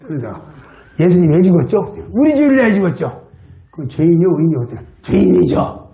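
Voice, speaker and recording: A man's voice: fast talker, vocal fry, roomy sound. A man with a Jeolla Korean accent preaching a sermon at a church camp, telling stories and acting out the people in them. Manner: animated, acts out dialogue with high excited voice. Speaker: lay preacher. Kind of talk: sermon with acted-out anecdotes. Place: church hall.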